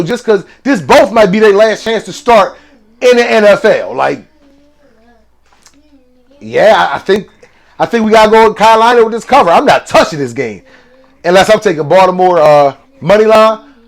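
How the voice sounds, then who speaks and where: A man hosting a casual sports betting picks monologue, excitable and slangy, with sudden exclamations. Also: sits high, normal speed, creaky, pauses often.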